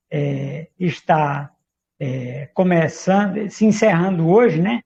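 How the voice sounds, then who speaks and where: Fervent high-voiced preacher with gravelly edge. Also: male voice, darkish tone. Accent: Brazilian Portuguese. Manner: fervent, repeating "Pai" and "Senhor" between phrases. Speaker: apostle preaching. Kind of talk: sermon with prayer. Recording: dull lo-fi livestream audio.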